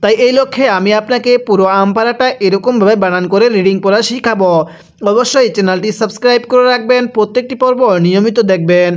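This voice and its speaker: A man teaching Quran reading, spelling out each syllable and asking the listener to repeat after him. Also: high voice. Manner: drawn-out chanting recitation. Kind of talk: slow spelled-out Quran recitation lesson.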